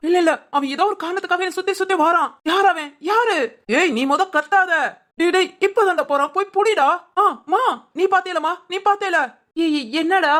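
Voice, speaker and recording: A woman voicing an injured, excitable young man in a cartoon. He shouts in a frantic way. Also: very high-pitched, pitched above the performer's own voice. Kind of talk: cartoon voice acting.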